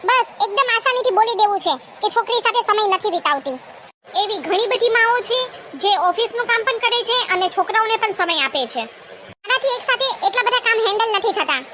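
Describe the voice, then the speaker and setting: A woman voicing a bossy, sharp-tongued young wife in a cartoon, scolding and taunting. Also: very high voice. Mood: angry. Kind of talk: cartoon voice acting. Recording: noisy background hiss.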